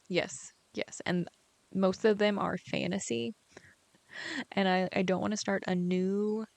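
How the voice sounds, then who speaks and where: Chatty woman with a gravelly edge. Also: medium pitch, dry recording. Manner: rambling, chatty, heavy use of "like". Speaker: author playing a farming game. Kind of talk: casual gameplay chat.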